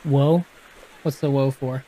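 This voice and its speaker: Poor audio with slight background noise carries a man's medium-pitched, dark voice, slow and fairly even in intonation. Speaking with a Texan accent, he reads a gamebook to a live audience and casually explains its rules, frequently backing up to restart or fix what he said.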